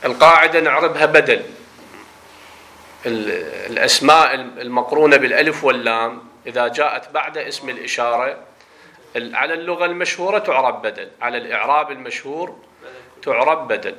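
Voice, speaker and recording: A man teaching grammar in a classroom lecture, explaining step by step and often asking whether it is clear. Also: medium pitch, brisk, pushed and bright. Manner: explains step by step, checks understanding with questions.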